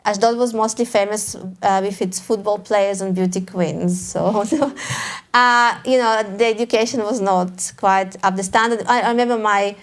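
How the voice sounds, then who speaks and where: Speaking in a steady, medium-pitched tone at a moderate pace, a Russian-accented woman appears as an author guest at a live talk held in an event hall. She is hesitant and keeps restarting with small laughs.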